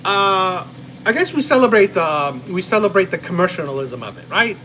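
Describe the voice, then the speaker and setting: Jersey streamer dude chatting to his chat, kinda high voice, keeps saying right, ac humming behind. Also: sing-song, moderate pace, sharp tone, slight background noise, low-quality recording. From New Jersey, USA. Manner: rambling, frequent "right?" and "you know". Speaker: live-stream host reading chat. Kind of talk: casual live-stream chat.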